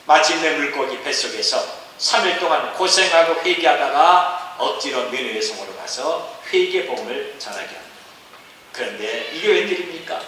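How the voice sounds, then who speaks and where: Male pastor giving a sermon, high bright voice, big echoey church, mic kinda far, faint room hum. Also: expressive, moderate pace. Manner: earnest storytelling, swinging between hushed and emphatic. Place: church sanctuary. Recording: echoey church hall from a distance.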